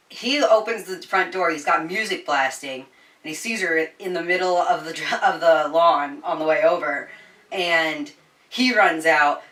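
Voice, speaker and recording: Reviewing a book, this woman sounds bright yet lowish, informal and full of slang and frequent curses. She recounts the plot like an animated storyteller, doing voices for the quoted lines, though she's far from the mic in a room with echo.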